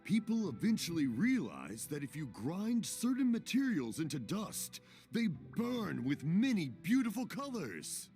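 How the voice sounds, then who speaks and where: A man's voice: sits high, huge pitch swings, unhurried, darkish tone, exaggerated voice. An actor playing a cheerful older father who is hard of hearing and loves telling long stories, in a video game. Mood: jovial. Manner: rambling, jovial, storytelling. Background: game music.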